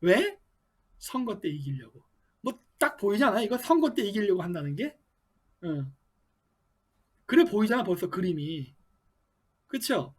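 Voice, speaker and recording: Husky man giving emphatic commentary. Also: sits high, big pitch swings, measured pace, pauses often, darkish tone. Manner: emphatic, rhetorical questions. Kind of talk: political commentary monologue.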